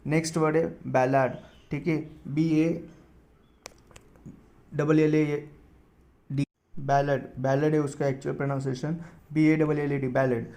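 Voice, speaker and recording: A man with a somewhat high voice teaches vocabulary in an Indian English accent. He spells each word out letter by letter and slows way down to read English definitions. He keeps checking in with his listeners as he goes. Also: level tone, warm tone. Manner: repeats terms with frequent checks like "ठीक है". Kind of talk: spoken lesson explaining vocabulary.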